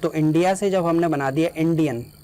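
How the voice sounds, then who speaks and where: A man teaching an English grammar lesson in Hindi, who explains patiently and dictates English example sentences slowly, word by word. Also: a little high, dark tone, low-quality recording.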